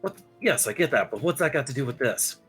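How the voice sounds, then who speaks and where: A man's voice: mid-range voice, animated, fast talker, a bit bright, breathy edge. A man playing a tabletop role-playing game, talking casually and bluntly in and out of character. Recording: music under the voice.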